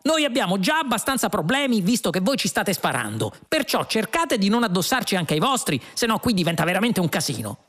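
A man voicing an exasperated male space traveler who shouts sarcastic replies in a storybook reading. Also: medium pitch, a little fast, vocal fry, slightly rough.

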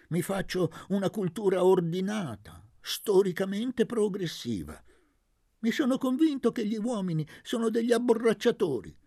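A man voicing an eccentric, mocking old male landowner in an audiobook, grandiose and given to sudden shouts. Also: high voice, creaky, slightly rough, no room sound, clean studio sound, voice pushed up, exaggerated voice. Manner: grandiose, shifting from teasing to shouting. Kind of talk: audiobook reading.

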